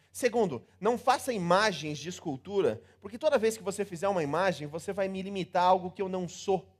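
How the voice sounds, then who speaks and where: A man with a Brazilian Portuguese accent preaching a sermon, theatrical and animated, acting out scenes and repeating words in rhythm. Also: high-pitched. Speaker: pastor.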